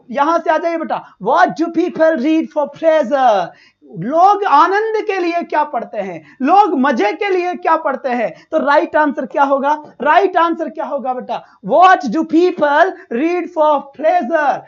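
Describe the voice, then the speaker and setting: High-voiced showy male teacher, lo-fi audio. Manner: energetic, showy, keeps calling students "beta" and praising them. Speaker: exam-prep teacher. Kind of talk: live online class quizzing students.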